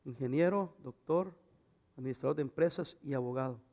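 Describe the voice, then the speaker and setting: A middle-aged man pastor preaching a sermon, swinging from loud fervent passages to quiet, intimate asides. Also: medium pitch, a little fast.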